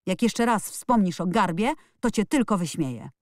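A woman voicing a fierce, bossy little girl who scolds in sharp shouts. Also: medium pitch, animated, normal speed, no room sound, clean studio sound, natural voice. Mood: stern.

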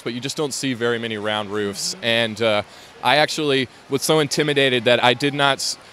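In a relaxed interview inside a convention hall, a man goes on about his LEGO build, stumbling through many fillers and restarts. The voice is medium-pitched and a bit bright, with a little hiss or hum.

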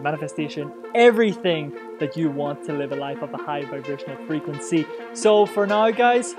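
A man hosting a casual podcast, telling funny stories with lots of laughter. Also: fairly high pitch. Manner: animated storyteller, laughs often. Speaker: host.

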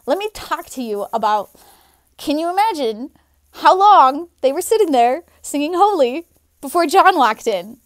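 A woman's voice: high voice, sing-song, a little slow, dry recording, studio quality. A young woman speaking to camera from her living room, sharing an opinion in a chatty, earnest way full of fillers. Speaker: vlogger. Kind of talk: casual opinion vlog.

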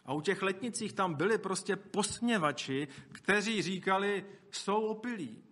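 A male preacher giving a sermon in a bright, forceful voice that sits a little high. He talks to the congregation in a conversational way, with asides, and acts out the quotes he tells.

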